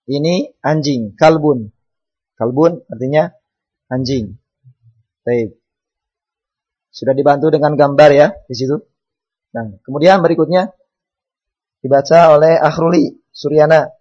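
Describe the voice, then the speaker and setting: A man's voice: a little high, unhurried, pauses often, darkish tone, husky, dull audio. A man teaching an Arabic class, calling on students to read and patiently repeating words and their meanings.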